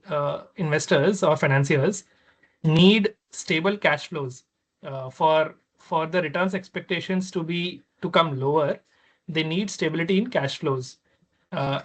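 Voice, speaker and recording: A man answering on a conference panel, talking with many fillers and restarts. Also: sits high. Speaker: panel speaker on impact investing.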